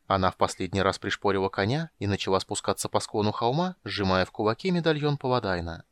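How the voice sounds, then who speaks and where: A man reading a fantasy audiobook in a measured storytelling manner. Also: on the low side, expressive, dry recording, studio quality. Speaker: audiobook reader. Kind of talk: scripted audiobook narration.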